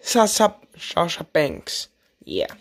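A woman casually showing off her collection on camera, excitable and gasping often. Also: lowish voice, slow. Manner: excitable, with frequent gasps and laughs. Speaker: vlogger showing a toy wrestling figure collection. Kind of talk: casual unscripted show-and-tell.

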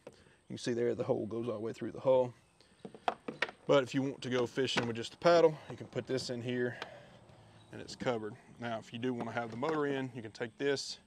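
Gravelly man, steady even delivery, casual outdoor gear walkthrough on a head camera, faint background noise. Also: medium pitch. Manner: relaxed, chatty, with many fillers. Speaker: fishing video host. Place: backyard outdoors. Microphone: head-mounted action camera.

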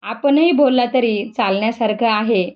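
Woman reading calm young male saint, gentle, patient, high voice, dull lo-fi storybook audio. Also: normal speed, natural voice.

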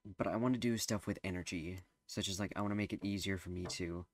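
A man's voice: low-pitched, steady tone, quick pace, no room sound. A teenage boy giving casual gameplay commentary, rambling and hesitant with lots of fillers. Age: teens. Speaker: gameplay streamer.

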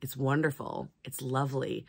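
A woman with a low voice talks to the camera from her cluttered home craft room. She sounds tired and unwell, chatting fast and rambling with self-deprecating asides. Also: steady tone, vocal fry, darkish tone, husky. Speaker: crafting vlogger. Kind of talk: casual chat to camera.

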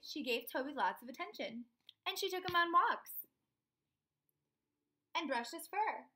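This young woman reads a picture book to young listeners with plenty of expression, stopping now and then to ask them questions. Her voice is on the high side with a fairly bright tone, and she's indoors in a small room at home.

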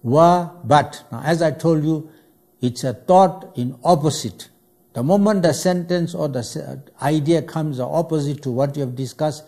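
A man's voice: mid-range voice, darkish tone. A man teaching Quranic Arabic word by word, repeating phrases and asking and answering his own questions. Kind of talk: word-by-word Arabic grammar lesson.

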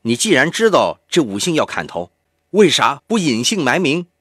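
Guy doing a cocky hot-headed young dude, taunting, pitched up, dry sound. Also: big pitch swings, moderate pace, a bit bright, dry recording. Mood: mocking. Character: brash young man, mocking and hot-headed.

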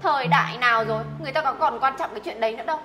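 A high, quick-talking young sister, played by a woman in her twenties. She is brisk and bossy, and soft music plays in the background. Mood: soothing. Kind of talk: web drama acting.

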